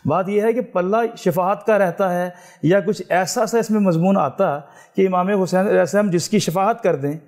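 A man judging a poetry recitation contest, giving a measured, explanatory critique. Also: high-pitched, a little mellow. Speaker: competition judge.

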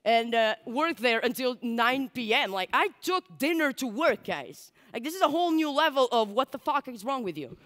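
With a fairly high, fairly bright voice and big pitch swings, a twenty-something native Portuguese speaker talks at a moderate pace with few pauses. She's giving a chatty, candid conference talk laced with likes and asides, on a large dark stage before an audience via headset mic, under long hall reverb.

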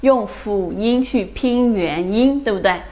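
A woman teaching an English phonics lesson, drilling each sound slowly and often checking with her students. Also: mid-range voice, darkish tone.

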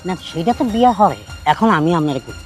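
A man playing a companion who helps search, answering quickly and animatedly. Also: fairly high pitch, very animated, faint music behind. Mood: busy.

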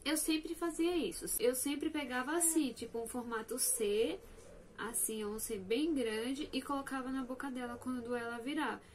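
A young woman vlogger chatting casually to her viewers, telling a personal story in an animated, talkative way. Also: high-pitched, normal speed, slight background noise.

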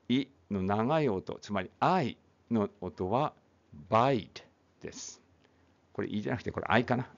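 A man's voice: on the low side, vocal fry, a little mellow. A man teaching English phonics, reading a text aloud and then explaining it casually, often correcting himself. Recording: dull lo-fi recording.

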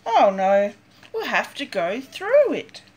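An older, grandmotherly woman reads a picture book aloud to young children. Her voice is fairly high and swings widely in pitch. She takes her time, with a sing-song lilt and dramatic emphasis on key words. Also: wildly swooping pitch, takes it slowly, darkish tone, slight background noise. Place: small cluttered room at home, indoors.

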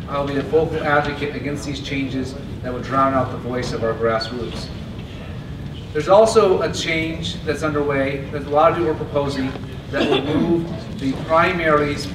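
A man giving a steady, earnest convention stump speech at a podium microphone. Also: a little high, unhurried. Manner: earnest, steady delivery with occasional restarts. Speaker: party chair candidate. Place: large convention hall, indoors. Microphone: podium mic on stand. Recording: echoey hall from a far camera with noise.

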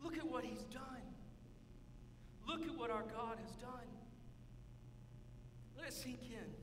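A man in his thirties, a pastor preaching a sermon with emphatic, drawn-out phrasing in a large church sanctuary. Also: very high-pitched, noisy background. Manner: emphatic preaching, drawn-out words, gestures while walking the stage. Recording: echoey hall from far off.

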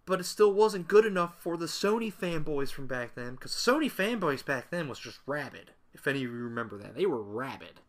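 A man's voice: fairly high pitch, expressive, fairly quick, hardly any pauses. A young man ranting casually to camera in a sarcastic, rambling way, full of asides. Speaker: gaming video creator. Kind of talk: casual opinion rant to camera.

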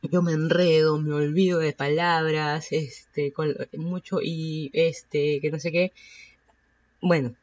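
A woman from Peru in her thirties hosts a casual solo podcast in Peruvian-accented Spanish, rambling with frequent fillers and self-corrections. Her voice is low, darkish and steady, the pace is slow, and the recording is muffled.

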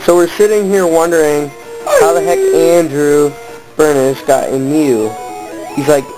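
A man's voice: a little high, sing-song, a little slow, loud music behind the voice, rough recording. A teenage man filming friends playing a video game, laid-back and teasing, laughing through his commentary. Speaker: camera holder and host. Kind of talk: casual chat over a video game. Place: living room, indoors.

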